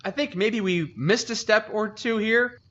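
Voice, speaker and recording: A man's voice: high voice, a little slow, pushed and bright, highs cut off. A male streamer chatting casually and teasing a guest with wry questions and remarks. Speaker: streamer host. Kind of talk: casual chat, reacting.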